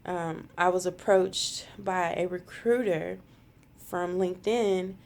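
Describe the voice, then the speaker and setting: A woman's voice: lowish voice, fairly even intonation, slow pace, a little mellow. A woman in her thirties telling a personal faith story to camera, earnest and close to tears. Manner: earnest, emotional, spiritual storytelling. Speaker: vlogger.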